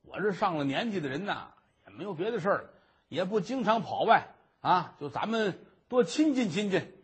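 Man doing a sly old master near seventy, husky, soft and coaxing. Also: sits high, lively intonation, normal speed, full character voice.

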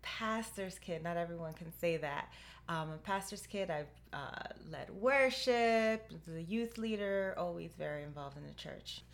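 A woman's voice: fairly low pitch, measured pace, creaky. A woman in her thirties from Puerto Rico co-hosting a podcast, chatty and sometimes searching for words. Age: 30s. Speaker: podcast co-host. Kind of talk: casual podcast chat.

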